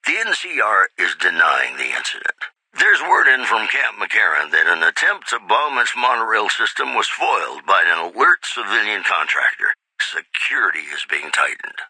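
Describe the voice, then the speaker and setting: A man playing a suave artificial radio DJ who reads wasteland news in a smooth, polished announcer delivery with wry deadpan, for a video game. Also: fairly low pitch, no echo, full character voice, low-quality recording. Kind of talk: scripted retro radio newscast.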